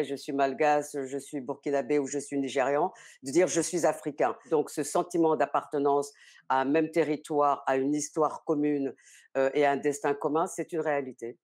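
A middle-aged woman, the general commissioner of an arts season, answering interview questions over a video call from a study, measured and full of hesitations. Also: deep voice, fairly even intonation, a little mellow. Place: study with bookshelves.

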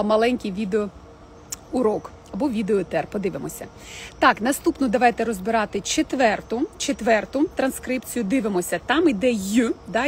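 A woman with a fairly high voice teaches French pronunciation live. She talks to her viewers directly and slows down to model each word. A faint hiss sits under the recording. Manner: chatty, addresses viewers directly, models French words slowly. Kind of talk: casual live-stream lesson. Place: home, in the evening.

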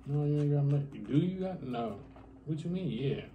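A young man talks casually as he eats, hosting a family vlog. His phrasing is colloquial and lightly teasing, aimed at a child. There is clear noise behind his voice. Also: fairly high pitch, lively intonation, moderate pace, narrow, tinny audio. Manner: eating while talking. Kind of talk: casual chat.

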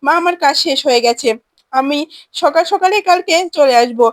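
A woman's voice: high voice, fairly quick, no echo, clean studio sound, close to an everyday voice. A woman voicing a defensive, tired young wife in a retold TV serial, speaking curtly but reassuringly.

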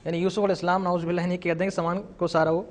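A man with a somewhat high-pitched voice speaks as an interview guest. He patiently explains the rules of recitation and breaks into melodious chanting of verses. His delivery is calm and instructive. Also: racing.

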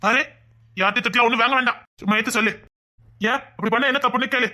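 A woman's voice: on the high side, steady tone, quick pace, bright, forceful tone. A woman with a Tirunelveli Tamil accent acting in a comedy skit, coaxing and pressing with questions.

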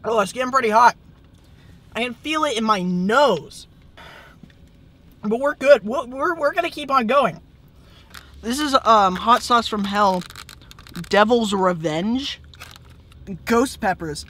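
A man's voice: very high-pitched, animated, takes it slowly, long pauses, sharp tone. A teenage young man talking casually to camera as a food vlogger, in a hesitant, understated way. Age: teens. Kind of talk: casual vlog chat. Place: inside a car. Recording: clear car interior and traffic noise.

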